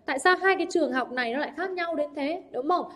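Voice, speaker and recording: Young woman teacher, high voice, walking through exam answers, keeps asking if everyone's got it. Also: fast. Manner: lively, keeps checking in with rhetorical questions. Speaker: English teacher. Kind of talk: exam answer walkthrough lesson.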